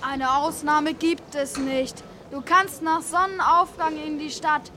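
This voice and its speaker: Woman playing officious old-time gatekeeper, high bright voice, declaiming, audio drama, bit of noise. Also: steady tone, slow pace, full character voice. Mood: stern. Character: stern, officious town gatekeeper of olden times. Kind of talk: German audio play for children.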